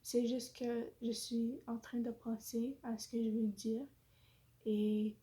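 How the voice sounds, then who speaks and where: A woman talks slowly through a casual vlog, her French carrying an English-influenced accent. Her slightly high voice sounds mellow and flat in pitch. She pauses often on fillers and apologizes, self-conscious about how she speaks. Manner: hesitant, searching for words, many fillers. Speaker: vlogger.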